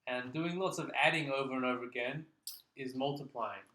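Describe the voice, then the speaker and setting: A man's voice: mid-range voice, fairly quick, pushed and bright. A man tutoring a child in maths one-on-one, explaining patiently and checking in with frequent "okay?"s. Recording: echoey room.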